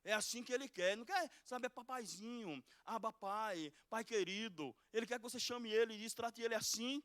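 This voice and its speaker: A middle-aged pastor from Pernambuco, preaching a fervent sermon that swings from loud exhortation to soft pleading. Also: male voice, very high-pitched, steady tone, fast talker, dry recording. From Pernambuco, Brazil. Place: church sanctuary.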